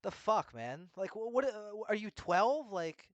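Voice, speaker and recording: A man's voice: sits high, very animated, a little slow, dry recording, highs cut off. A young man hosting a casual racing recap, ranting heatedly and swearing constantly. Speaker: F1 recap host. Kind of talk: casual commentary rant.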